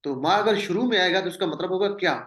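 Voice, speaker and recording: A man's voice: sits high, a bit bright, roomy sound. A man teaching a language lesson. He speaks patiently, repeats each word and its meaning as a drill, and mixes in English terms. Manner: mixes English words into the explanation. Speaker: Quranic Arabic teacher. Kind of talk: classroom lesson.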